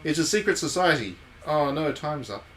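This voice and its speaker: With big pitch swings in a fairly high, fairly bright voice, a man commentates casually on a game at a moderate pace. He's a game streamer and former journalist who adds wry, playful asides and reads some on-screen text. The audio is poor, with clear background noise.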